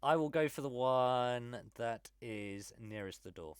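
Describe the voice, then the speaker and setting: Male player, mid-pitched, frustrated and swearing, recorded dry. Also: a little slow, clean tone, no echo. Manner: exasperated, swears and groans in character. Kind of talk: playing a tabletop game.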